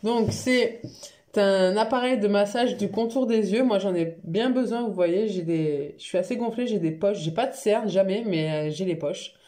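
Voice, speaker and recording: Chatty, frank woman with a mellow voice. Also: mid-range voice, normal speed. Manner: chatty, frank, laughs easily, many fillers. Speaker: beauty vlogger. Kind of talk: casual chatty haul vlog. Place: home living room by a Christmas tree.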